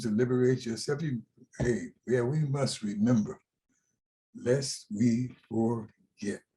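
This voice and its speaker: A man's voice: mid-range voice, dark tone. A man leading a church service, speaking in rhythmic, repeated phrases.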